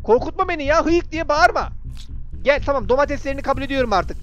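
A man's voice: extremely high pitch, lively intonation, fast, fairly bright tone, lo-fi sound, soft background music. A young man giving casual gameplay commentary, chatting to the game character and to viewers. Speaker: gaming YouTuber.

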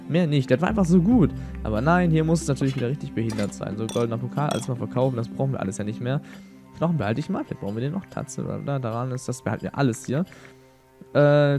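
A young man commentates a video game casually. His pitch jumps around a lot as he rambles in slang, thinking aloud, with game music behind him. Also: expressive, very fast. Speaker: let's player.

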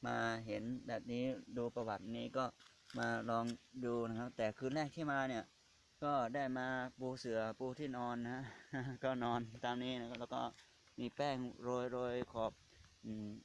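Halting Buddhist monk talking outdoors. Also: male voice, mid-range voice, fairly even intonation, slight background noise. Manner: halting, searching for words, polite particles after nearly every phrase. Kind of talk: casual on-site video commentary. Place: outdoors beside a pond or pit.

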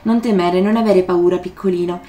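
A woman voicing a witch who softens her husky voice to calm a frightened child, read aloud in a roomy room. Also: lowish voice, brisk, close to an everyday voice. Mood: soothing. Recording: roomy echo.

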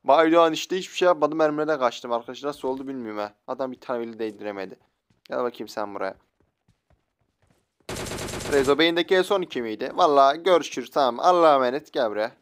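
A young man streaming a mobile shooter game, excitable, swearing and joking at other players as he plays. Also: mid-range voice, quick pace, clear, resonant tone. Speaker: gaming streamer. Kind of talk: live mobile game commentary. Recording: faint game gunfire behind.

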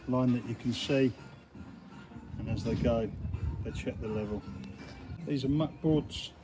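A man's voice: mid-range voice, a little slow, over music, rough recording. A middle-aged man, a construction site manager, giving a practical guided walk-through of a building site, recorded on a handheld phone camera outdoors. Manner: practical, explanatory, often says "obviously". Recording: loud outdoor site noise. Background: outdoor noise and vehicles.

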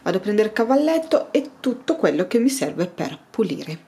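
A woman in her thirties giving a casual, chatty tour of her daughter's bedroom, filling pauses with hesitations. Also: mid-range voice, very animated, warm tone. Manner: chatty, hesitant with many fillers. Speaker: home cleaning vlogger. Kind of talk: casual room tour narration. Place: child's bedroom at home.

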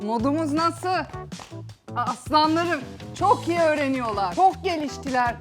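Bossy, playful female comedy host, high and lively. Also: a little slow, music in the background. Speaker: comedy show host and acting coach. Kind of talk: comic sketch hosting.

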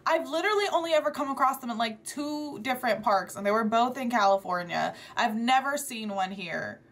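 A young woman hosts a reaction vlog from a small room in front of a green screen, chatting casually, swearing freely, and saying "like" a lot. Her voice is on the high side, expressive, and a little fast.

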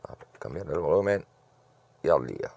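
Male streamer, very low gravelly voice, mutters to himself through retro arcade play. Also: expressive, moderate pace, darkish tone, muffled recording. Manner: muttering, talks to himself while playing. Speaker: gaming streamer. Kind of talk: casual gameplay commentary.

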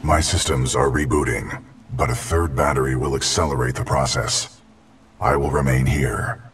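A man voicing a damaged giant war robot, low on power and rebooting, who talks in clipped, formal status reports. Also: normal speed, slight background noise. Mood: formal, steady. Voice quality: very deep, flat and mechanical. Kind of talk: video game acting. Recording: distant voice over game music.

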